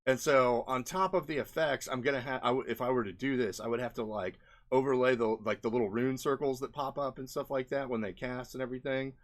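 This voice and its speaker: A man comments casually while screen-sharing his experiments as an indie game developer. His mid-range voice stays steady and fairly quick as he rambles and thinks aloud.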